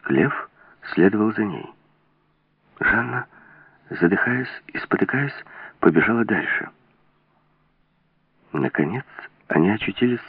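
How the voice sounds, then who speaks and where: A man narrating an adventure novel as an audiobook in a steady, dramatic reading. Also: on the low side, breathy edge, no room sound. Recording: tinny dry lo-fi audio.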